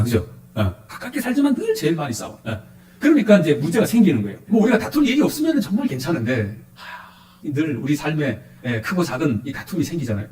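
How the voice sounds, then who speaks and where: A male pastor preaching a sermon, questioning his congregation in a lively, animated way. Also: fairly high pitch, echoey room.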